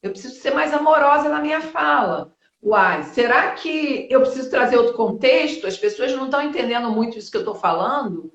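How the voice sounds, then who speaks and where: A high-pitched woman in her fifties talks as a guest on a live stream, blunt and lively, with mild swearing and quick asides. The audio is dull and lo-fi, and her voice echoes in the room. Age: 50s. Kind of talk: live-stream interview, casual talk. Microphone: video call.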